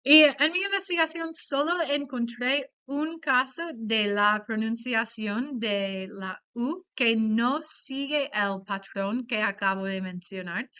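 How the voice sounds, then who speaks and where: A woman giving a class presentation on pronunciation, explaining carefully and saying example words slowly. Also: a little high, bright, forceful tone, clean tone. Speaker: student presenter. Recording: dull lo-fi sound.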